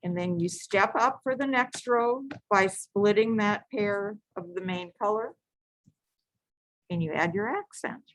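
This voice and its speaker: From her craft table, a woman hosts a live beading lesson in a medium-pitched voice, patiently going through one step at a time. She echoes each instruction and sometimes restarts what she was saying. The recording is close and dry, lacking any room echo.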